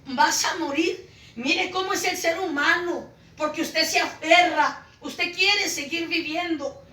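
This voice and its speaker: Woman preacher, Pentecostal testimony, shouts then hushes; recorded far off in a roomy space. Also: very high voice, measured pace. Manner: impassioned, swings between shouting and hushed. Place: church home meeting. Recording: echoey room, voice from far off.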